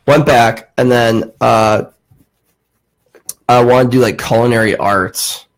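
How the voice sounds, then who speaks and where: A man's voice: medium pitch, fairly even intonation, slow. A man in his late twenties hosting a podcast, telling a rambling story full of "like" and swearing. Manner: rambling, profane, heavy use of "like". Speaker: podcast host. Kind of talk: casual storytelling chat.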